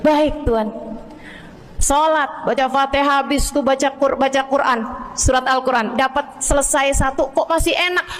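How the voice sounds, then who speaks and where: A woman preacher telling stories in a lively, animated sermon, addressing her audience directly. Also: high-pitched, normal speed. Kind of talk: storytelling sermon. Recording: long hall reverb.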